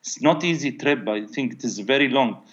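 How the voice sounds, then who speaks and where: A man in casual chat who speaks hesitantly, pausing often and filling gaps with uh. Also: mid-range voice, expressive, a bit bright, highs cut off. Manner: hesitant, halting speech full of pauses and uh. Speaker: guest, helicopter pilot.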